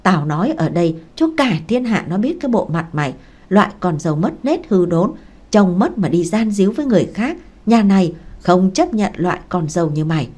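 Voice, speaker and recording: A woman's voice: on the low side, big pitch swings, fairly quick, darkish tone, husky. A woman voicing an enraged older mother-in-law who screams curses at her daughter-in-law. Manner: screaming abuse, cursing.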